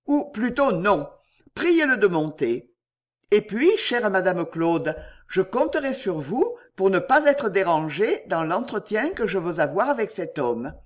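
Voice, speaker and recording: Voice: mid-range voice, very animated, a little slow. An audiobook reader voicing an anxious, courteous young nobleman who speaks earnestly. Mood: polite.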